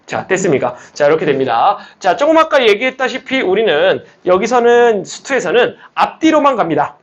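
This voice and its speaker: A middle-aged male math teacher with a husky voice teaches a classroom lesson. His pitch swings up and down a lot as he explains each step. He teases his students and keeps throwing questions back at them. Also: sing-song, normal speed, dull audio.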